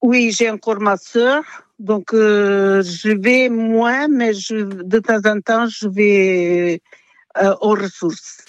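Slow-speaking older Portuguese woman. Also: medium pitch, steady tone, no room sound, dull audio. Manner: halting, many restarts and fillers. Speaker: interviewee. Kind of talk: radio interview.

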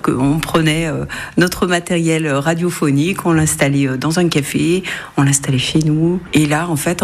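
Low-voiced woman from france, interview answers, lots of ums and restarts. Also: slightly rough. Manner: hesitant, many fillers and restarts. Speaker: interviewee, web radio volunteer.

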